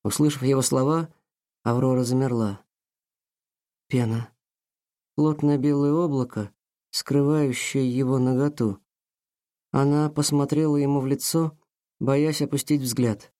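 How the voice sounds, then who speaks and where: A man's voice: medium pitch, measured pace, long pauses. Man narrating a romance audiobook. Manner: expressive storytelling.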